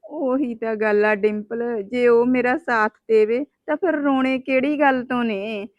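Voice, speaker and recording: A woman's voice: on the high side, a little slow, dry recording, lo-fi sound, natural voice. A woman playing an unhappy young wife with three daughters who pours out her troubles in a plaintive, complaining manner. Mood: sorrowful. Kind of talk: web drama acting.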